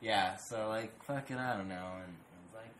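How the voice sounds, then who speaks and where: A man co-hosting a podcast, telling stories in casual chat, swearing a lot and acting out animated impressions. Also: lowish voice, fairly quick. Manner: profane storytelling, animated impressions. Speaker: podcast co-host. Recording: roomy echo with clear background noise.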